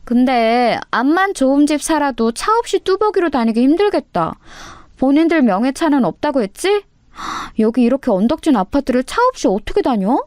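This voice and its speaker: Lady putting on a sarcastic stuck-up sister-in-law, high and sneery, dry close audio. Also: very animated, normal speed, a little mellow, no room sound. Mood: sneering. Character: snobbish, mocking middle-aged sister-in-law.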